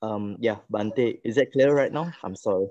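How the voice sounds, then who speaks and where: A man speaks over an unstable online call connection that leaves his voice dull and lo-fi. His voice is low and dark, and he sounds dry and close. He asks his questions hesitantly, searching for words. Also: normal speed, dry recording. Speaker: meditation student asking questions. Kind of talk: question in an online meditation class. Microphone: video call.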